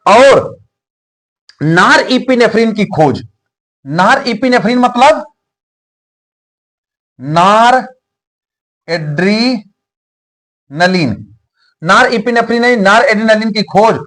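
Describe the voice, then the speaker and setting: Male biology teacher, higher pitch; repeats terms, quizzes and answers himself, shares memory tricks. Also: a bit bright. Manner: asks questions and answers them himself, repeats key terms. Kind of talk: explaining a biology lesson.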